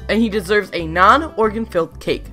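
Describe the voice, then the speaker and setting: A woman's voice: medium pitch, brisk, sharp tone, soft background music. A woman doing a dramatized, playful reading of audience messages for a comic dub. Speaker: reader of audience questions.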